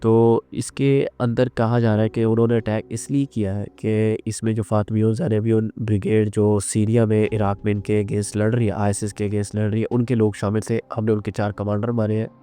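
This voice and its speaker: A man giving unscripted, earnest analytical commentary on current events, pausing and restarting as he thinks. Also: on the low side, level tone, dark tone, smooth. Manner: earnest, measured, with frequent restarts and fillers.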